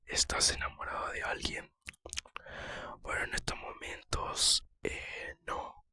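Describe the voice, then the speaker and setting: An ASMR creator, a man, answers viewer questions in a casual whisper close to the microphone. His whisper is very bright and hissy, with almost no voiced tone. He speaks in a personal, somewhat hesitant manner, pausing softly while he thinks.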